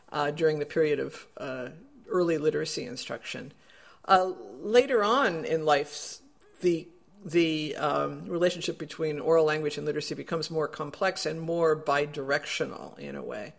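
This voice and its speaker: A man with a slightly high, creaky voice answers interview questions as an education researcher. He explains things thoughtfully and often corrects himself along the way.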